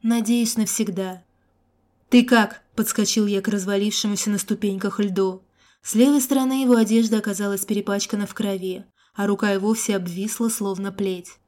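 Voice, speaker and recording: A woman narrating a first-person action fantasy audiobook with a steady, expressive reading. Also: medium pitch, brisk.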